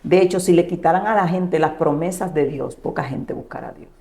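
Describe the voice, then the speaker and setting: A woman pastor, giving an emotional personal testimony and softly acting out the dialogue she recounts. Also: on the low side, a little fast. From Dominican Republic. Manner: storytelling, acting out quoted dialogue in a hushed voice.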